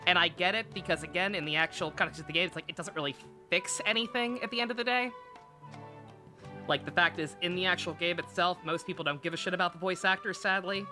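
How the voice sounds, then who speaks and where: Talking fast in a voice on the low side, a woman streams a game live with loose, candid chatter, stammering, rambling and swearing often. The game's music can be heard in the background.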